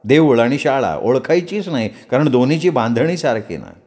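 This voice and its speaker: A man narrating a first-person story in a conversational, lively storytelling manner. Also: medium pitch, moderate pace.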